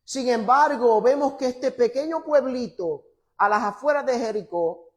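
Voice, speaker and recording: A male pastor, preaching a sermon to a congregation. He moves from loud, emphatic scripture reading to quiet, teasing asides. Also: very high voice, measured pace. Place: church before a congregation.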